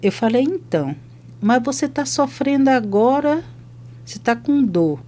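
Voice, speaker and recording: A woman's voice: sits high, measured pace. An older woman, a hospital chaplain from Brazil, telling testimony stories on a podcast and acting out both sides of each conversation. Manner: lively retelling that acts out both sides of conversations.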